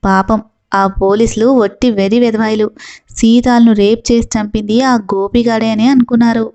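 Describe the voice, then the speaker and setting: A woman reading the lines of a domineering, lecherous male village landlord in a gruff, scolding way. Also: fairly high pitch, flat delivery, normal speed, mellow, highs cut off, close to an everyday voice. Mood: bossy.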